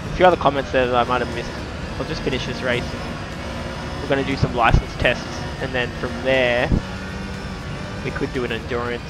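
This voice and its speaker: A man's voice: medium pitch, level tone, brisk. An Australian man live-streaming a game, chatting casually in a blokey way with mild swearing and slang. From New South Wales, Australia. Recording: loud game music and engine noise behind. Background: racing game music and car sounds.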